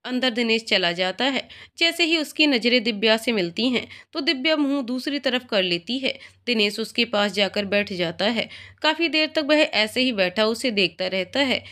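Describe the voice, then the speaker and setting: A woman narrating an emotional family story in a steady, even storytelling manner. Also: fairly high pitch, moderate pace, hardly any pauses.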